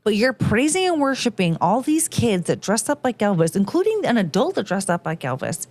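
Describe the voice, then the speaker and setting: A woman in her thirties, casually chatting on a late-night show and telling an animated, ranting story. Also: mid-range voice, fairly quick. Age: 30s.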